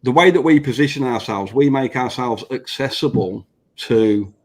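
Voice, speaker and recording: A man speaks at normal speed in a mid-range voice, his dental braces slightly affecting his speech. A business owner and podcast guest in a casual panel chat, he's earnest, swears freely, and repeats points to drive them home.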